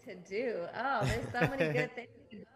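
A woman's voice: medium pitch, a little fast, roomy sound, over a noisy crowd, low-quality recording. A woman born in Jordan, an upbeat, talkative guest speaking over a video call. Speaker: music industry guest. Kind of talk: casual interview.

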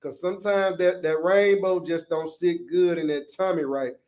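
A man's voice: high-pitched, steady tone, normal speed, darkish tone. An American man on a casual comic rant, swearing freely and talking in playful slang. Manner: profane, slangy, playful ranting. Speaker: co-host of a vlog.

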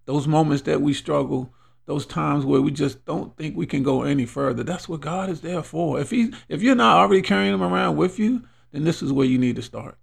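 A middle-aged man hosting a podcast as motivational talk, exhorting listeners emphatically and repeating phrases for weight, in a gravelly, husky voice. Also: fairly high pitch, brisk. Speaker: podcast host.

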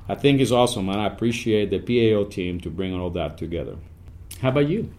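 An animated man, talking as a guest on a podcast. His voice sits fairly low, and his pace swings between quick bursts and slow stretches. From Puerto Rico. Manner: upbeat, animated, speeds up and slows down. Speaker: Army command sergeant major, guest. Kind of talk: podcast interview.

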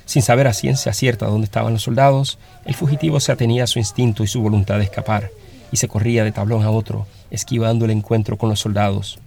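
A man reading a story aloud as narrator, in a steady, dramatic storytelling manner. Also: fairly low pitch, fast talker, creaky.

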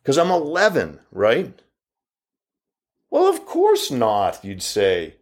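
A man in his fifties giving an argumentative opinion monologue full of rhetorical questions, his pitch jumping up as he challenges the listener. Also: huge pitch swings, slow pace. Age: 50s.

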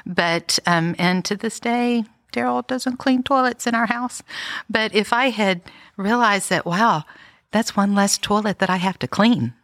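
A woman's voice: mid-range voice, measured pace, a bit bright, no room sound, studio quality. A middle-aged woman, co-hosting a podcast and sharing stories in a reflective, easygoing way with many fillers. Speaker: podcast co-host. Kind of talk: casual chat.

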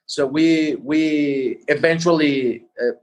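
A man explaining things in an interview as a guest entrepreneur, halting and repeating words as he goes. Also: on the high side, a little mellow, rough recording. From Mexico.

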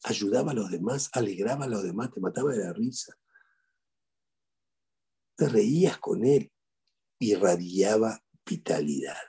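A middle-aged rabbi with an Argentine Spanish accent delivers a eulogy sermon as animated storytelling, repeating his key phrases. His voice is deeply raspy and full of gravel. His pitch swings widely as he talks.

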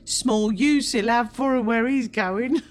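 A woman's voice: a little high, measured pace, voice pushed up, lightly acted. A woman reading aloud, voicing a brash, coarse old charwoman. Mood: gloating.

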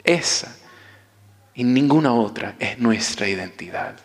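A man's voice: mid-range voice, animated. A male priest preaching a sermon. He halts and restarts often, then builds to fervent preaching. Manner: halting with many restarts, rising to fervent preaching. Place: church. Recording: long church reverb.

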